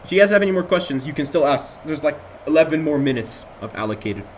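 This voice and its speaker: His voice is on the high side, expressive and fast, with slight background noise on the computer mic. He's a young Jordanian man with an American accent leading a casual online review session as a student lecturer. He chats and rambles, often restarting and using fillers.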